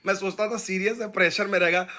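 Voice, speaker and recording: A man's voice: sits high, fairly even intonation, fast talker, bright, forceful tone. A man, a fan reporter telling casual anecdotes in an interview, mixing Hindi and English and acting out what others said.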